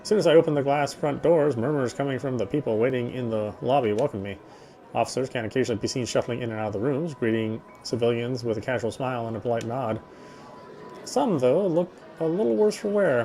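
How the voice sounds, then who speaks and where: Faint music plays behind a male game streamer reading visual novel narration aloud with side remarks. His medium-pitched voice is brisk and dark in tone, and he sometimes trips over a line, repeating words.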